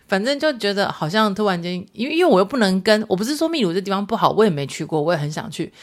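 A woman's voice: mid-range voice, sing-song, fast talker. A woman podcast host with a Taiwanese Mandarin accent, telling everyday stories in a chatty, casual monologue mixed with Hokkien phrases.

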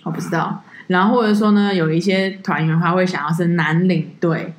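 A woman's voice: on the low side, a little fast, roomy sound. A woman, chatting as a podcast co-host about her tour-leading work and acting out the people she quotes. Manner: animated storyteller, acts out quoted people. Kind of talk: casual podcast chat, storytelling.

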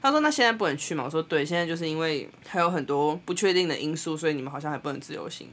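A young Taiwanese woman with a Taiwanese Mandarin accent, co-hosting a podcast and telling a story in a blunt, animated way, laughing often. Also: deep voice, rapid-fire. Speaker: podcast co-host. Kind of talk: casual storytelling chat.

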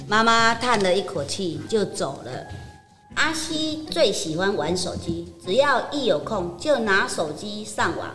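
An older woman narrating a children's story gently. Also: medium pitch, very animated, unhurried, long reverb tail, faint music behind.

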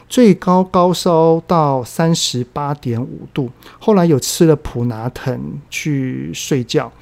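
A man in his forties with a Taiwanese Mandarin accent, hosting a solo podcast and telling stories in a relaxed way with drawn-out sentence-final particles, while he is still recovering from a fever. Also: on the high side, creaky. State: recovering from a post-vaccine fever. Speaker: podcast host, parenting educator. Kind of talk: casual solo podcast talk.

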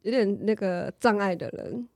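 A woman's voice: mid-range voice, moderate pace, gravelly, a little mellow, dry recording, clean studio sound. A woman with a Taiwanese Mandarin accent telling casual anecdotes in a self-deprecating, giggly manner. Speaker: podcast participant.

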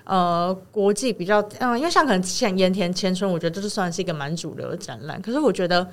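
A woman's voice: lowish voice, fast. A woman in her twenties from Taiwan, speaking as a podcast co-host. She tells a story in casual chat and acts out the quoted lines. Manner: animated retelling, acts out quoted dialogue.

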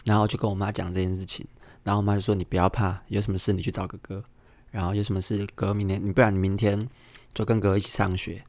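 A young man with a low voice and a Taiwanese Mandarin accent tells a story from his school days in a casual podcast monologue. He jumps into the voices of the people in his story with lively energy. The sound is close and dry, with no room around it. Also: fast talker, no echo. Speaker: podcast host.

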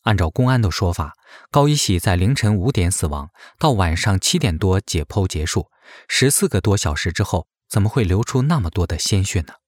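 Male narrator, low and expressive, serious investigative read, dry booth sound. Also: fairly quick, no echo. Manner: grave, suspicious questioning tone.

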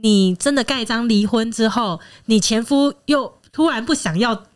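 A woman hosting a podcast speaks. She presses her guest with probing, incredulous follow-up questions. Her tone is relaxed and conversational. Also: a little high, normal speed. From Taiwan. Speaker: podcast host. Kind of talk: casual interview chat.

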